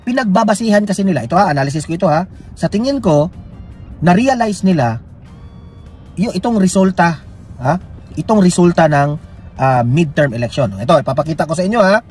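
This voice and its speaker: A man's voice: sits high, animated, fairly quick, pauses often, darkish tone, soft background music. A Filipino man giving heated, mocking political commentary as a news vlogger, urging viewers to like and share. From Philippines.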